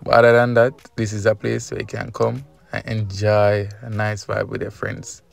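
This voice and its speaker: A man's voice: on the low side, monotone, normal speed, gravelly. A young Jamaican man with a Jamaican accent, chatting casually into a phone held at arm's length while touring outdoors, upbeat and talkative, now and then breaking into song. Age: young adult. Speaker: travel vlogger. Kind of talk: casual travel vlog. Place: outdoors at a river and seaside park. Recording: outdoor phone audio under loud music.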